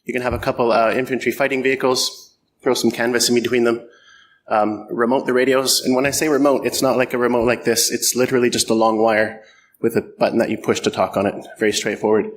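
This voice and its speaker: In a conference hall, a bilingual middle-aged Canadian man, a native speaker of French or English, talks fast in a medium-pitched, level voice. His talk is self-deprecating and jokey, peppered with ums and uhs, and a little hiss or hum is audible.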